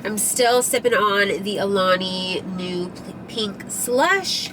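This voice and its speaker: A young woman, a lifestyle vlogger, chats her way through a rambling vlog with plenty of fillers, her medium-pitched voice slightly nasal as she gets over a cold. She speaks slowly and expressively over some background noise.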